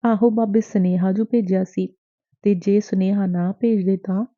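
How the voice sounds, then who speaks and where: A woman's voice: medium pitch, fairly even intonation, normal speed, mellow, dry recording, close to an everyday voice. A woman voicing an innocent young village girl who asks wondering questions in a raised voice, read for an audiobook. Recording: dry, tinny phone-like sound.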